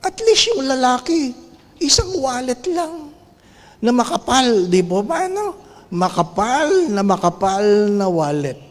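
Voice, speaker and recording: A priest giving a sermon, playful and animated, firing off rhetorical questions to the congregation. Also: male voice, very high voice, unhurried, long reverb tail.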